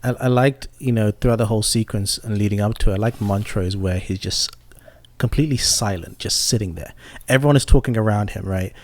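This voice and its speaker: A man's voice: on the low side, brisk, no room sound. A man co-hosting a podcast, talking thoughtfully through a TV episode in casual chat, often backing others with "mm-hmm.". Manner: steady, thoughtful, frequent "mm-hmm" backchannels. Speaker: podcast co-host. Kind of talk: casual review discussion.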